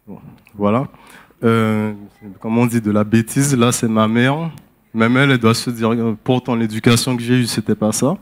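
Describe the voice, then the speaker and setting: A man's voice: medium pitch, fairly even intonation, normal speed. Man, candid and hesitant testimony, church setting. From French Guiana. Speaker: person giving a testimony. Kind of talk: spoken personal testimony.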